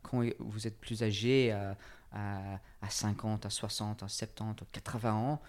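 A fitness coach from England, speaking with an English accent, is interviewed casually in French. His voice is on the low side, steady and unhurried, but his French is halting, full of hesitation, fillers, and restarts.

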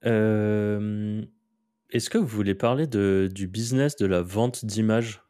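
A man co-hosting a podcast, speaking in a relaxed, casual way with short interjections. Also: on the low side, slow. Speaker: podcast co-host.

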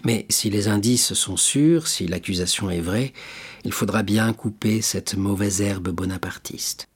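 A man voicing an ambitious young prosecutor, speaking in a smooth, self-assured, slightly ironic way. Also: fairly low pitch, measured pace, voice pushed down. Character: ambitious young male royal prosecutor, suave.

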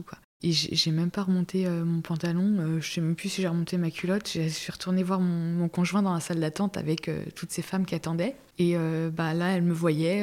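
A young woman giving a personal testimony as a podcast guest, talking casually with many fillers and restarts in a halting, emotional way. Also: on the low side, darkish tone.

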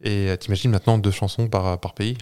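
A man with a fairly low voice and a French accent, co-hosting a relaxed podcast chat. He explains things at an easy pace, stopping often to search for words and restart his sentences. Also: fairly quick, smooth. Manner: hesitant, many fillers and restarts, explains facts. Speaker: podcast co-host. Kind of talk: casual chat.

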